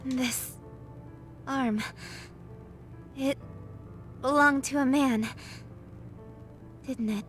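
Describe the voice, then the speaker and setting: A very high, hesitant young girl. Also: steady tone, extremely slow, long pauses, faint music behind. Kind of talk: game voice acting.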